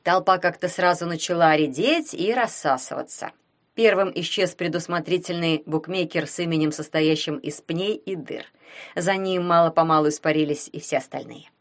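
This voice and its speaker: A woman narrating an audiobook in an even storytelling manner. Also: on the low side, normal speed. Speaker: audiobook reader.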